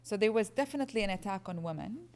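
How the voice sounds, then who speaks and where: A woman's voice: mid-range voice, animated, fast, darkish tone. A woman from Iraq, earnestly explaining as a guest speaker answering audience questions at a lecture.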